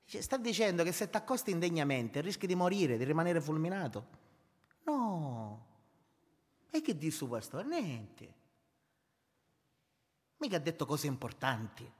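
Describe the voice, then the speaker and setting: Preacher with a raised pitch. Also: male voice, very animated, unhurried, long pauses, in a large hall. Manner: emphatic, repetitive, calls the congregation brothers. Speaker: pastor. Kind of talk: sermon.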